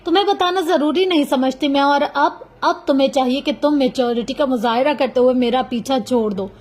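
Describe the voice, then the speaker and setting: Storybook heroine: proud defiant young woman, sharp and emphatic, read by a woman, high voice. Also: normal speed, natural voice.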